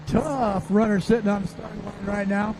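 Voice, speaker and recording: High-pitched folksy male tractor pull announcer, noisy. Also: steady tone, moderate pace. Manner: folksy, informal, thinking aloud. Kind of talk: casual live event commentary. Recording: noisy outdoor event with vehicle sounds.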